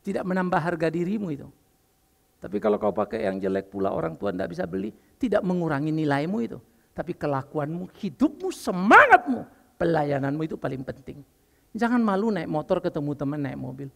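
Older gravelly-voiced preacher in a hall. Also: male voice, high voice, brisk. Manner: lively and joking, mixing in English phrases. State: unwell, sitting while preaching. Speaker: pastor. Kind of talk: sermon. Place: church.

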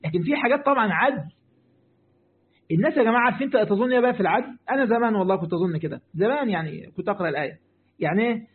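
A man's voice: high voice, animated, very fast. A man with an Egyptian Arabic accent, a sheikh giving a religious lesson who speaks straight to his listeners, repeats his points and answers their questions. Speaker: sheikh teaching Quran commentary. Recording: tinny phone-like line.

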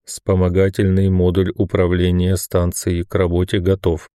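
A man voicing an emotionless station computer that speaks in a mechanical, metallic, lifeless monotone. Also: low-pitched, moderate pace, clear, resonant tone, no echo, clean studio sound, pitched below the performer's own voice, lightly acted. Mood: impassive. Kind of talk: audiobook narration.

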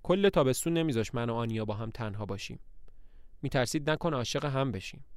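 A man's voice: medium pitch, lively intonation, clean tone, dry recording, studio quality, close to an everyday voice. A man voicing a lofty young student lecturing. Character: lofty idealistic young male eternal student.

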